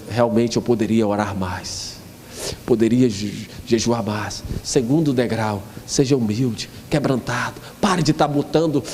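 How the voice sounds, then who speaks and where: A man preaching a sermon with a gravelly, somewhat high voice that swings between shouts and low acted-out quotes. His voice rings through a large hall with a long echo and a faint background hum. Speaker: pastor.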